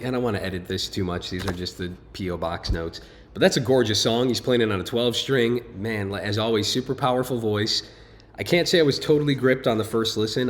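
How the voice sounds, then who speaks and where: Male video host, lower register, informal and rambling, reads a letter aloud with off-the-cuff commentary. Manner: informal, rambling, breaks off to comment while reading. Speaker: video host reading viewer mail. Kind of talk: casual chat, reading a fan letter aloud and commenting.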